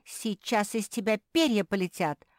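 A woman's voice: mid-range voice, animated, moderate pace, no echo, studio quality, pitched above the performer's own voice, close to an everyday voice. A woman voicing a feisty youngest pug sister in a storybook, talking cheekily and shrilly. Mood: cheeky, shrill.

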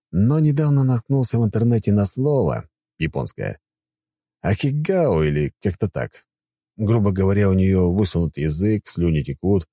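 Низкий, тёмный мужской голос рассказчика. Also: male voice, sits low, mellow, dry recording, studio quality. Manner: wry, ironic asides. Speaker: audiobook narrator. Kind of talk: first-person audiobook narration.

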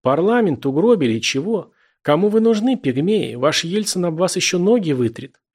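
A man voicing an angry middle-aged man who shouts and jeers at a rival crowd at a street rally, in a husky, raised voice. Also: sits high, sing-song, normal speed, voice pushed up, heavily acted. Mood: jeering. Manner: loud, jeering and combative.

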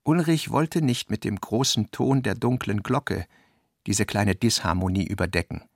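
In a radio play, an actor plays the reflective narrator of a modernist novel, phrasing lines in a measured, deliberate way. His male voice is lowish, and the recording is dry and studio quality.

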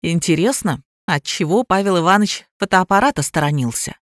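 Woman doing a puzzled easygoing young husband, lower voice, dry recording. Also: expressive, fairly quick, no echo, natural voice.

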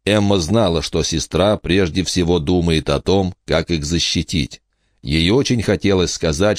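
Very deep-voiced male audiobook narrator. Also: no echo, clean studio sound. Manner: even, measured storytelling. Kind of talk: scripted narration.

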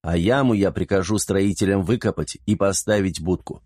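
A man's voice: low voice, moderate pace, darkish tone, dry recording, studio quality. Man voicing a witty, commanding young man. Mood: stern. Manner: joking, then stern.

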